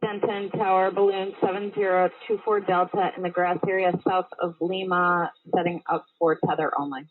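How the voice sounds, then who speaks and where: Speaking at normal speed in a level tone, this woman's fairly low voice comes through band-limited radio audio that sounds tinny, like a phone. She is a balloon pilot making terse, procedural aviation calls, and there's no echo.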